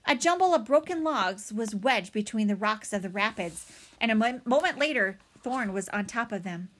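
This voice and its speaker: A woman narrates a storybook chapter with dramatic expression. Her voice sits a bit higher than most women's, and she leans into the action as she reads. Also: expressive, moderate pace, a bit bright. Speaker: audiobook reader. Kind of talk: storybook read-aloud.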